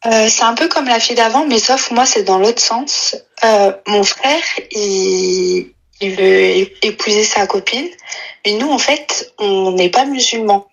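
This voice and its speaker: Woman, twenties, mid-range pitch, casual hesitant caller asking advice. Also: measured pace, gravelly, dull audio. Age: 20s.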